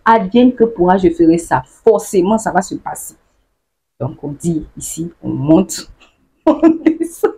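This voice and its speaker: A woman vlogger who laughs often and acts out the phrases she explains in a casual, lively way. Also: lowish voice, measured pace, husky. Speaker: YouTuber explaining local slang.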